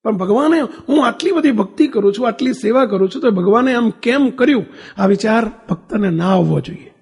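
A man's voice: high voice, expressive, a little fast, vocal fry, darkish tone, breathy edge, big-room sound. A man giving a sermon, telling a family story and putting questions to the listeners. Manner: acts out family dialogue, asks audience questions. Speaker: religious speaker.

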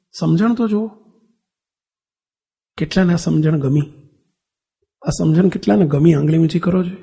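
A man's voice: high voice, vocal fry, darkish tone, slightly rough, long reverb tail. A man giving a sermon, telling a family story and putting questions to the listeners. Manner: acts out family dialogue, asks audience questions. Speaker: religious speaker.

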